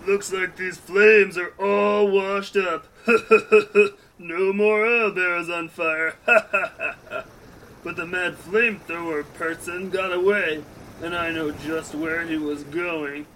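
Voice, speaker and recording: A man's voice: high voice, fairly even intonation, slow pace, sharp tone, slight background noise, exaggerated voice, rough recording. A man voicing a dim, cheerful shapeshifting blob superhero in a comic audio drama, earnest and dopey. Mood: smug. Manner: earnest, dopey, heroic declarations. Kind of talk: comedic audio drama acting. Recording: music bed underneath.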